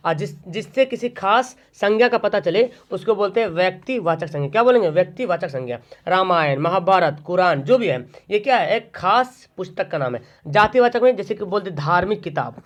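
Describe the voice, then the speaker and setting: A man's voice: high voice, a bit bright. A man teaching an online exam-prep grammar lesson, asking questions and answering them himself. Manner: drills by asking and answering his own questions. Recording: dull lo-fi recording.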